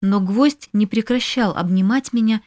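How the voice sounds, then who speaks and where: A woman's voice: mid-range voice, moderate pace, a little mellow. Emotive woman reading an audiobook. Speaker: audiobook narrator. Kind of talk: scripted first-person narration.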